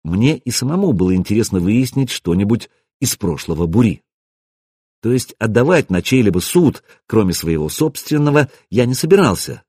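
Audiobook narration: husky male reader, lively intonation, dry close sound. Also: fairly low pitch, moderate pace, dry recording. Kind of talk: first-person audiobook narration.

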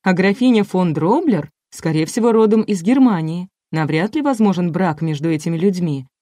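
A woman's voice: fairly low pitch, lively intonation, normal speed, dark tone, no room sound, clean studio sound. A woman narrating an audiobook in the first person, with a wry, ironic manner.

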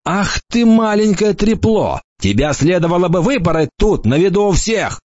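A man's voice: high voice, big pitch swings, normal speed, darkish tone, no echo, pitched above the performer's own voice. A man voicing a skinny, hostile farmer in a knit cap, sneering and threatening. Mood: menacing. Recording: dull lo-fi dry recording.

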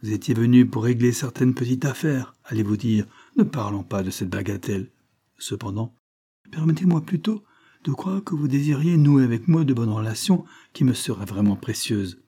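A man reading aloud, voicing a smooth foreign gentleman who plays a naive count, effusive and ingratiating. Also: mid-range voice.

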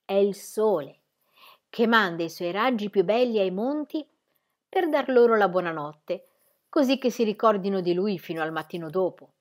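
A woman reading aloud gives voice to an old mountain grandfather, gruff at heart but gentle with the child. He explains things slowly and patiently in a storybook reading. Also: medium pitch, natural voice. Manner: calm, explaining.

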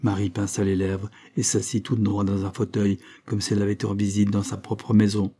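Dark, husky male narrator. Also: lowish voice, completely flat delivery, a little fast. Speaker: audiobook narrator. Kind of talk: literary reading.

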